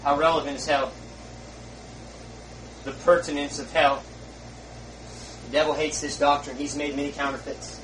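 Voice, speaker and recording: A male preacher giving a fiery sermon, swinging from low murmurs to loud shouts. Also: flat delivery, normal speed, long pauses, a little hiss or hum. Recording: roomy, far from the mic, faint ambience.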